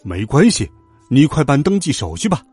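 A man voicing a burly male librarian in a children's storybook reading, speaking low, firm and measured. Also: very animated, a little mellow, husky, no echo, faint music behind. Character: burly uniformed male librarian, stern then polite.

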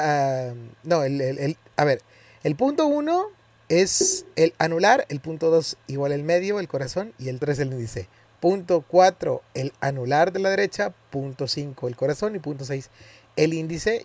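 A man's voice: on the high side, a little mellow, no echo. A man giving a casual spoken tutorial, hesitant and often correcting himself as he demonstrates. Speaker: tutorial presenter.

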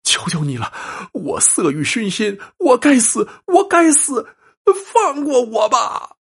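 A man's voice: extremely high pitch, wildly swooping pitch, slow pace, gravelly, slightly rough, pitched above the performer's own voice, heavily acted. A man voicing a panicked young man haunted by a ghost, stammering, crying and pleading. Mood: terrified.

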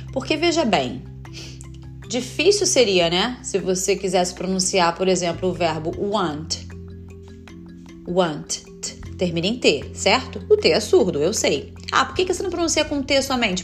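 A woman, a native Portuguese speaker, patiently explaining English pronunciation step by step in a video lesson, drawing out each sound slowly. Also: medium pitch. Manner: demonstrates sounds slowly and carefully. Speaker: English teacher.

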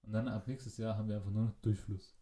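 A man's voice: lowish voice, flat delivery, fast talker, mellow, echoey room. A man chatting casually, tossing in dry jokes. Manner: dry, joking quips. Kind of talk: casual chat.

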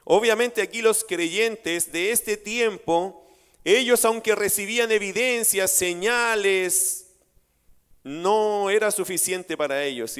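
A man preaches to his congregation in a high, clear, ringing voice, full of rhetorical questions. He speaks from a church sanctuary, and his words trail off into a long hall echo. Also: a bit bright. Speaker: pastor. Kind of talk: sermon.

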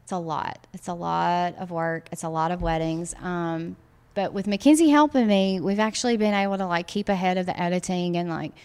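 A wedding photographer from Mississippi in her late 30s chats casually in an interview, her Southern American accent peppered with "um" and "you know." Her voice is fairly low, clear and resonant, a little mellow, and her pace runs slightly fast.

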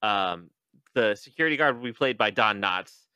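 A man hosting a podcast, casually recapping a book in an animated, joking way, cursing freely and acting out quoted lines. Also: on the low side, moderate pace, smooth, dry recording. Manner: animated, profane, joking, with exaggerated quoted voices. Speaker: podcast host.

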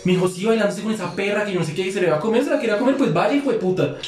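A man's voice: high-pitched, racing, a little mellow, echoey room, faint music behind. A young man telling a long story among friends, slangy and profane, acting out both sides of a quarrel. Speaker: podcast guest.

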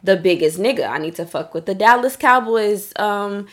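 A woman's voice: medium pitch, lively intonation, normal speed, a bit bright. Profane, emphatic woman telling a story. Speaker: podcast co-host. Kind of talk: candid casual podcast chat. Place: Dallas.

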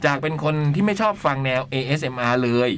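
Playful Thai radio host reading a letter. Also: male voice, medium pitch, expressive, quick pace, fairly bright tone. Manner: playful, chatty, reads letters aloud with asides. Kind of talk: casual studio chat and reading listener letters.

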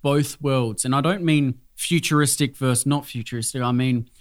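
Young host, mid-pitched, animated and loose, swears freely. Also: male voice, moderate pace. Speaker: podcast host. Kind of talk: casual chat and movie review.

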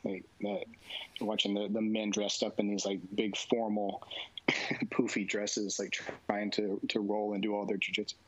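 A man talking casually in a relaxed conversation, rambling with lots of fillers and frequent laughs. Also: fairly low pitch, unhurried, a little hiss or hum. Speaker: jiu-jitsu instructor guest. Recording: dull, dry lo-fi sound.

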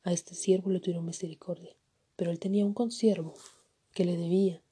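Soft, whispery woman preaching. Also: lowish voice, flat delivery, a little fast, husky. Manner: soft-spoken, often whispery, frequent "amén". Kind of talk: sermon.

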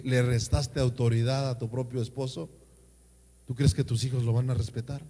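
A man's voice: medium pitch, a little mellow. A man, a pastor delivering an emphatic sermon with call-and-response. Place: church. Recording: reverberant church hall.

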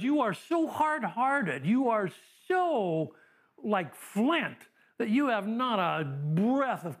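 A man with a high voice delivers a classroom Bible lecture. He talks conversationally, full of fillers and dry humor, and sounds middle-aged. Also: a bit bright. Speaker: Bible teacher.

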